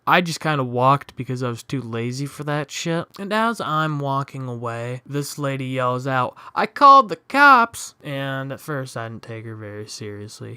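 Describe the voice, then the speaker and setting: A man's voice: medium pitch, bright, forceful tone, clean tone, dry recording, clean studio sound. A young man telling a funny personal story in a casual, sardonic, offhand way. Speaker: storytime vlogger.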